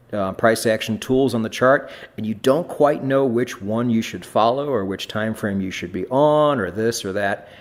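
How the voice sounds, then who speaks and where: Blunt, low-voiced male podcast host. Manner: blunt, swears casually, restarts phrases. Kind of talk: casual podcast chat.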